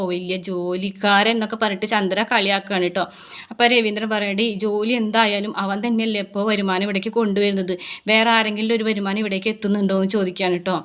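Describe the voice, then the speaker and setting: A woman retelling a TV serial episode in a casual, brisk way, quoting the characters' lines in her own voice. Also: mid-range voice, a bit bright. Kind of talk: casual story recap narration.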